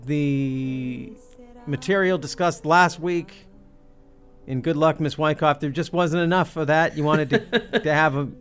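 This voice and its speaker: A man co-hosting a film podcast, talking casually in a wry, drawn-out, sarcastic way. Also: a little high, a bit bright, faint music behind. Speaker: podcast co-host.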